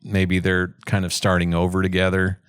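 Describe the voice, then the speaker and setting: Deep smooth older man. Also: monotone, moderate pace, no room sound, studio quality. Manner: thoughtful, rambling, restarts and hedges. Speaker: podcast co-host, the dad. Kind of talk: casual film discussion.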